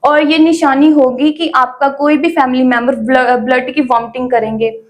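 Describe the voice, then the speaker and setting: A young woman with a high voice tells her faith testimony in a casual interview. She talks in a chatty way, with many small fillers between her words. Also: level tone, normal speed. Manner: chatty storytelling with frequent "ना" fillers. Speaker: guest sharing her testimony.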